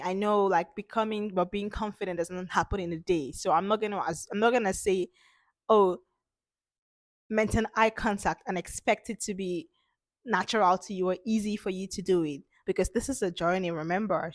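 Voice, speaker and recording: Hosting a relaxed instructional talk on confidence, a woman speaks with emphasis and repeats her points, sounding a little hoarse because of a cold. Her voice is mid-range, and there is no room sound.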